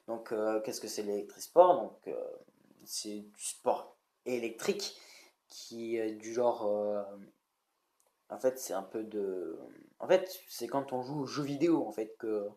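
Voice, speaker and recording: A man's voice: on the low side, darkish tone. A young man from France talking casually to camera, rambling with many fillers and checking his notes as he explains. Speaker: YouTuber. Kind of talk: casual chatty vlog explainer.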